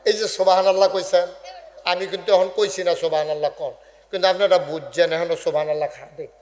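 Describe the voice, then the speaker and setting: Man, high-pitched, preacher, humorous sermon, call-and-response with the crowd, long loudspeaker reverb. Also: fairly even intonation, fairly quick. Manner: shouts key words, sings some phrases. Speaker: Islamic preacher. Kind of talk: humorous sermon at a religious gathering. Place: large religious gathering over loudspeakers.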